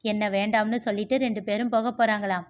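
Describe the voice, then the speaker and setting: A woman's voice: mid-range voice, fairly even intonation, fast, lightly acted. A woman voicing a spoiled nineteen-year-old young man in a storybook reading, protesting tearfully. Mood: hurt. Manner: sobbing, petulant protests. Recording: muffled lo-fi recording.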